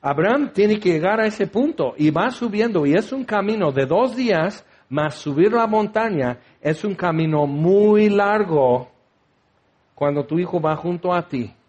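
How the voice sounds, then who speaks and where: A man's voice: high-pitched, animated, a little slow, darkish tone, breathy edge, lo-fi sound. A man preaching a sermon, teaching with rhetorical questions and acting out the voices he quotes.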